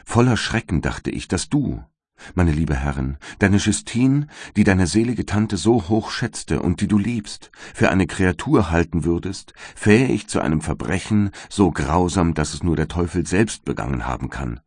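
A man's voice: low voice, lively intonation, unhurried, darkish tone, slightly rough, dry recording, clean studio sound, exaggerated voice. Man reading as Justine, a weeping condemned young maid. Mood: tender. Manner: tearful, imploring. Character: condemned young servant woman, weeping and devout.

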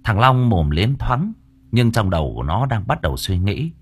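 Expressive male audiobook narrator. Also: lowish voice, normal speed, slightly rough. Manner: expressive, dramatic. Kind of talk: audiobook horror story narration.

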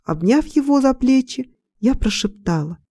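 Woman with a mellow reading voice. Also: high-pitched, animated, normal speed, dry recording, clean studio sound. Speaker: narrator. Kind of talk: scripted first-person story narration.

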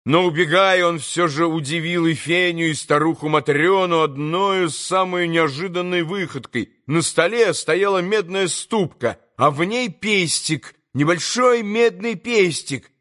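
Man narrating an audiobook. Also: a little high. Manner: measured, expressive reading. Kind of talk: scripted narration of a classic novel.

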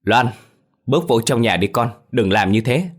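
A man's voice: lowish voice, big pitch swings, normal speed. A man voicing a proud but desperate middle-aged father in an audio ghost story, raising his voice in protest. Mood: shouting. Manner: pleading and shouting in protest.

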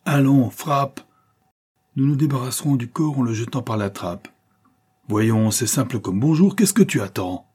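A man's voice: lowish voice, moderate pace, warm tone, husky. A man voicing a ruthless, domineering female adventuress who gives harsh, contemptuous orders. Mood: commanding.

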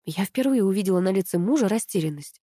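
A woman narrating a comic detective novel in the first person, with a lively, expressive reading. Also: mid-range voice, fast, dry recording, clean studio sound. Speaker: audiobook narrator.

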